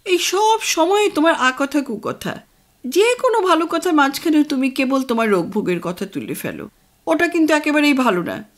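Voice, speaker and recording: A woman's voice: high-pitched, lively intonation, normal speed, voice pushed up. A woman voicing a worried middle-aged mother who nags and scolds. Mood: scolding. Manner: scolding, nagging.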